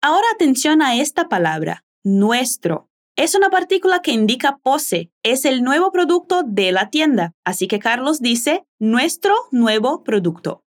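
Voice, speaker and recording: A woman hosting a language lesson, slowly and carefully modeling phrases for listeners to repeat. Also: high voice, sing-song. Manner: slow, careful modeling of pronunciation. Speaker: language teacher and host. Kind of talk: language lesson with repetition drills.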